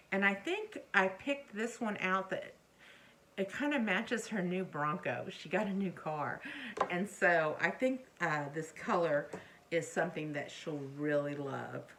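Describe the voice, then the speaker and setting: A middle-aged woman rambles casually to camera as a crochet vlogger, showing her things while hesitating, trailing off, and correcting herself. Her voice is fairly low with a sharp tone. There's faint background noise, and a chair creaks now and then.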